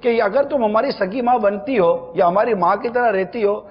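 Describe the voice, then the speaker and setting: A man hosting a religious talk show, explaining patiently and slowing down to stress key points. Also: sits high, long reverb tail, muffled recording. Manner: measured, explanatory, slows for emphasis. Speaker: religious scholar answering questions.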